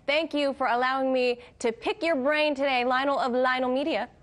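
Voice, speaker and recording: A woman's voice: high voice, steady tone, brisk. A woman hosting a TV news interview, conversational and questioning. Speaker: news show host.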